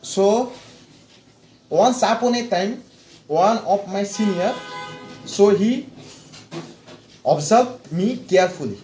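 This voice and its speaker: Recounting his own story for a testimonial, this man speaks with a high, slightly mellow voice, stumbling through repeated words and long pauses in a slow, hesitant way. Soft music plays behind him, and the echoey room adds faint background noise.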